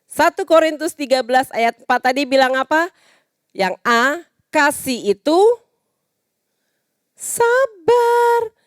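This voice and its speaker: A young Indonesian woman teaching a children's church lesson, patient and animated as she talks to little kids. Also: high-pitched, moderate pace, clear, resonant tone, no room sound, studio quality. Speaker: Sunday school teacher.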